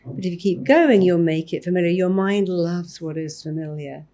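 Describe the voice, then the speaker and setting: Woman, therapist guest, podcast interview, animated, acts out self-talk, somewhat low voice. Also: moderate pace, a little hiss or hum.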